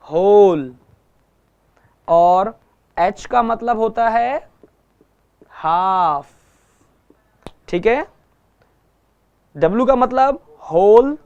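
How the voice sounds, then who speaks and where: Guy teaching guitar, slow and patient, keeps repeating stuff, smooth clear voice. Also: extremely high pitch, dull audio. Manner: patient, repeats each point and checks understanding. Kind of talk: online music lesson.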